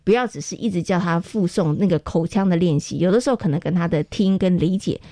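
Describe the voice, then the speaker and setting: A woman's voice: fairly low pitch, dark tone, no room sound. A woman hosting an educational radio show from a studio, chatty, stretching out her sentence particles. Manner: chatty, drawn-out particles, eager questions. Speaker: radio host.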